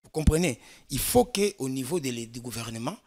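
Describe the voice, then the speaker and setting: A man's voice: mid-range voice, lively intonation, moderate pace, a little mellow. A man from Congo, a guest expert on a political talk show, explaining at length with emphasis and frequent restarts. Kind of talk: studio political discussion.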